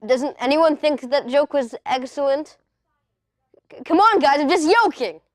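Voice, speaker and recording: A woman plays a nervous young guy doing stand-up, firing off cheesy puns and pleading with a silent crowd. The voice sits a little high and sounds close and dry, with no room around it. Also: lively intonation, a little slow, no echo. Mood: awkward joking. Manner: flustered, pun-heavy, needy for laughs. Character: awkward young male stand-up comic. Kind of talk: comedy sketch.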